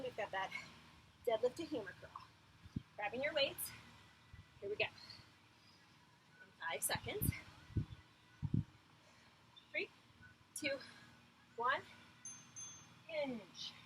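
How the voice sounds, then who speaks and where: A woman's voice: on the high side, very animated, drawn-out words, pauses often, noisy background. A woman fitness instructor leading a workout in clipped, encouraging commands and counts, talking as she exercises. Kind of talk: workout coaching with counts and short cues.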